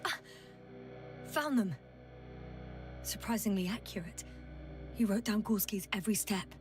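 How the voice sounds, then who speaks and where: A woman's voice: medium pitch, animated, unhurried, natural voice. A composed female field doctor in a video game, voiced by a woman, terse and practical. She keeps her reports short and matter-of-fact. The voice sits a little off the mic, with a game score playing behind. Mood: focused. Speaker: scientist on a planet mission. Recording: game audio, distant mic, music under.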